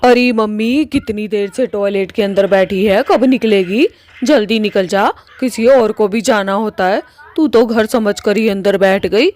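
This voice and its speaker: A woman voicing a pushy, lovesick young witch daughter in a cartoon, talking in a loud nagging way. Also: mid-range voice, fairly even intonation, a little slow, close to an everyday voice.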